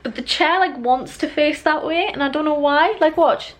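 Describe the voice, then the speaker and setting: A young British woman vlogger chats casually to her viewers in a loose, rambling way. Her voice is high, and she talks at a normal speed.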